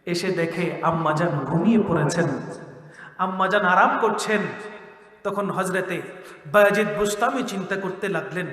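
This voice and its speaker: Preacher guy with a really high voice, shouts and chants verses, booming echo in a big hall. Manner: chanting Quranic verses, shouting warnings, calling on the crowd to respond. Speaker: Islamic preacher. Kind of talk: Bengali waz sermon. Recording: echoey hall with reverb.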